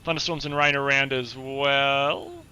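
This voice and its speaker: On a live stream, a hoarse, husky-voiced man gives a chatty flight briefing, explaining things with many filler words. His mid-range voice is steady and unhurried, with a sharp tone.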